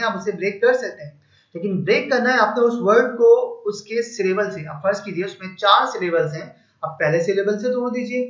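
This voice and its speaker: A man with a fairly high voice explains grammar slowly and patiently, building up each point with examples. His tinged colours the speech. The recording has a roomy echo and a somewhat dull, muffled sound. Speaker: English teacher. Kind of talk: explanatory lesson. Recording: echoey room, slightly dull sound.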